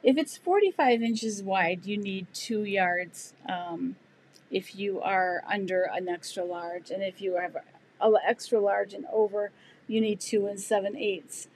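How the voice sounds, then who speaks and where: A woman's voice: medium pitch, measured pace, husky. Chatty woman hosting a sewing live stream. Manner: chatty, loose, many fillers and restarts. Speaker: sewing channel host. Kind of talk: live stream chat answering viewer comments.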